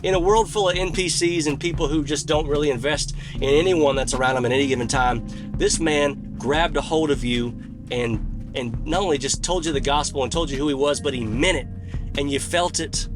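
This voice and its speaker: A man's voice: fairly high pitch, brisk, music in the background. A man telling a personal story to camera in a folksy, earnest way. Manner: earnest, folksy, animated when retelling. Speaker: country music vlogger.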